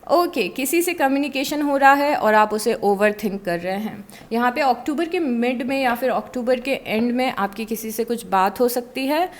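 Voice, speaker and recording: A woman's voice: a little high, animated, normal speed, few pauses. A woman giving a casual tarot reading to camera, chatty and mixing English words into her Hindi, with frequent fillers. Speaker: tarot reader.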